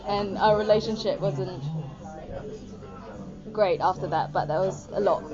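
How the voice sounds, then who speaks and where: With a mid-range voice and a slightly slow pace, a Singaporean woman in her twenties hesitates through a casual interview, using many "um"s and "like"s. A crowd can be heard in the background, and the lo-fi recording is dull, with loud music.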